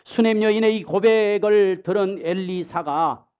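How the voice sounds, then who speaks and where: A male pastor giving a sermon, telling the story in an animated way, acting out the people in it and dropping into soft asides. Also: high-pitched, unhurried, clear, resonant tone, muffled recording.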